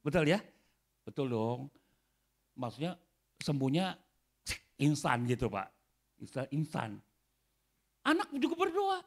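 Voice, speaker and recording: Male pastor, animated sermon delivery, slightly high voice, lively pitch. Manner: animated preaching, often addressing the congregation directly. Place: church hall.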